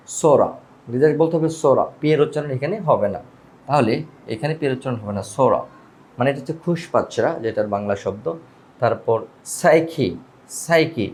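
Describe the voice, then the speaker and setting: A man's voice: medium pitch, darkish tone. Man teaching word pronunciation. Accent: Bengali. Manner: repeats each word slowly and explains step by step. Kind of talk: spoken language lesson.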